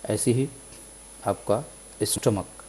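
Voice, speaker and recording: Guy teaching words slowly, says each one a few times, keeps checking in, bit of hiss. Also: fairly low pitch, mellow, rough recording. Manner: patient, repeats each word several times; frequent "theek hai na" check-ins. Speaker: English teacher. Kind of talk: vocabulary lesson in Urdu.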